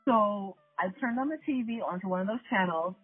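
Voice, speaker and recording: A woman in her thirties or forties from the New York area, hosting a casual chat and telling stories in an animated way. She laughs often and talks straight to her listeners. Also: mid-range voice, brisk, husky, dry recording. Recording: tinny phone-like line, dry, faint music.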